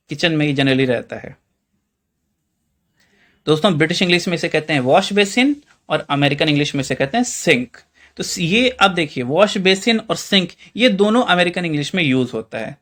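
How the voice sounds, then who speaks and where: Indian man, Hindi accent, high-pitched voice, chatty teacher, asks rhetorical questions. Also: fairly bright tone. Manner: quizzes the viewer with rhetorical questions; addresses listeners as friends, chatty. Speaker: English teacher. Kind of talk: classroom-style explainer lesson.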